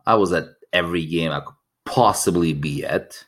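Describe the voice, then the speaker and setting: A man co-hosting a casual podcast chat, telling stories with enthusiasm and still getting back a voice lost from yelling. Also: low-pitched, normal speed. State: recovering a lost voice. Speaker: podcast co-host.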